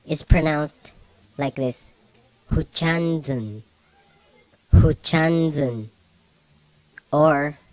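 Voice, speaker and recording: Slow, patient language teacher, a man. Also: fairly high pitch, darkish tone, dry recording. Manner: slow, repeats each word several times. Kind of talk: beginner language lesson.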